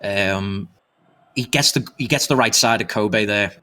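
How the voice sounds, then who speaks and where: A man doing fast live play-by-play commentary on an online soccer match, jumping up in excitement at goals and a little out of breath. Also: lowish voice. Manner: excitable, rapid, rises sharply on goals. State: slightly out of breath. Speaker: esports commentator.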